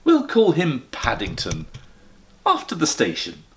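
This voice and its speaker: Bloke doing a motherly storybook wife, excitable n bossy but kind, pitch goes way up and all over. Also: unhurried, noisy background. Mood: bright idea. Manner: exclamatory, decisive. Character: excitable, kindly, motherly middle-class married woman.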